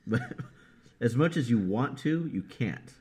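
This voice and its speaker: A man's voice: mid-range voice, expressive, slow pace, a little mellow, husky. A man co-hosting a casual wrestling podcast, rambling through his points and laughing at himself. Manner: rambling, laughs easily, self-mocking. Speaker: podcast co-host. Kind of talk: casual chat.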